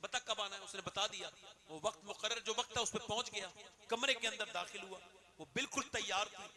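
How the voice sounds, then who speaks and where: High-voiced man preaching to a crowd. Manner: dramatic, swings between hushed and loud. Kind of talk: emotional storytelling sermon.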